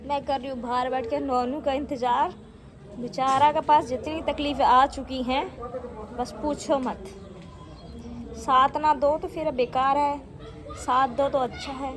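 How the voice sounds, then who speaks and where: A woman's voice: high-pitched, fairly even intonation, a little slow, crowd noise. Young woman chatting frankly at home. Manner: frank, scolding children at times. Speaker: vlogger and mother. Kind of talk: casual home vlog chat. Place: home in northern India. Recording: faint background noise.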